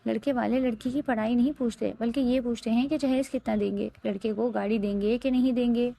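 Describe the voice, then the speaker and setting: A sneering, sarcastic stepmother from a spoken storybook, as a woman narrator puts her on. The voice is slightly high, with a gravelly edge. She pours out bitter taunts. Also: steady tone, warm tone, no room sound. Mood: taunting.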